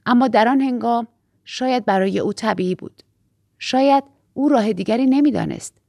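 A woman reading a first-person novel aloud as an audiobook narrator, in a measured, steady storytelling manner. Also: a little high, gravelly, dry recording, studio quality.

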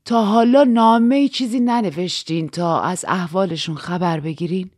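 A woman's voice: fairly low pitch, darkish tone, no echo, studio quality, natural voice. A woman voicing an inquisitive society lady who asks questions in a raised voice, in an audiobook.

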